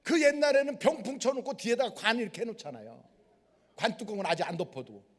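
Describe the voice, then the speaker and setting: Lively man preaching in a reverberant hall. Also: high voice, quick pace. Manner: animated storytelling, acting out the people in his story. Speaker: pastor. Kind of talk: sermon. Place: large worship hall at a prayer retreat.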